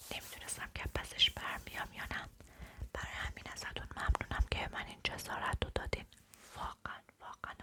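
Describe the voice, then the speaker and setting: A woman doing whispered ASMR in a breathy, unvoiced whisper, slow and soothing, often repeating words over and over. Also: pushed and bright. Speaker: ASMR host.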